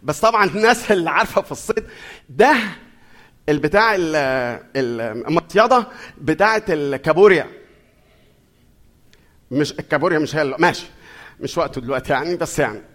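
Lively Egyptian man preaching. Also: on the high side, fast, pauses often. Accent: Egyptian Arabic. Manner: lively, conversational, questions the audience. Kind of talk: sermon.

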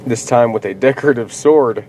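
A man's voice: mid-range voice, moderate pace, darkish tone, slight background noise, low-quality recording. A man co-hosting a casual podcast, reading news headlines aloud and laughing often. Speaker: podcast co-host. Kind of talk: casual chat.

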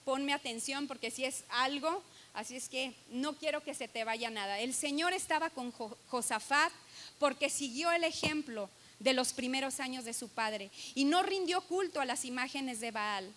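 A woman's voice: high voice, moderate pace, fairly bright tone, slight background noise. A woman preaching a sermon to her church, earnest and emphatic, stressing key words and reading scripture aloud.

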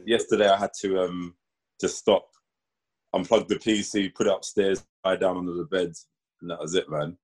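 A man's voice: deep voice, moderate pace. A man with a London roadman accent chatting casually and telling stories in urban slang. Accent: London roadman, multicultural urban slang. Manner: slangy, animated storytelling with 'bro' and 'man'. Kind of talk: casual group chat.

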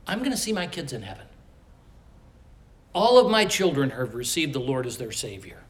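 A man's voice: mid-range voice, sing-song, moderate pace. An older man preaching a sermon, telling stories earnestly and building to fervent emphasis.

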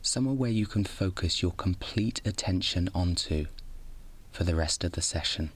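A man with a low voice guides a bedtime meditation in the manner of a sleep story narrator. He gives each instruction calmly and without hurry, keeping a soothing tone. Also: slightly rough. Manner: calm, soothing, unhurried instruction.

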